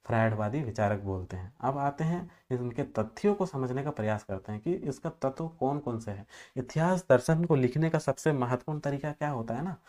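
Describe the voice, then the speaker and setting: A man's voice: medium pitch, a little mellow. A man teaching an exam-prep lecture in a loose, conversational way, leaning on fillers and homely examples and sometimes stumbling over terms and correcting himself. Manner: filler-heavy, repeats "जो है" often.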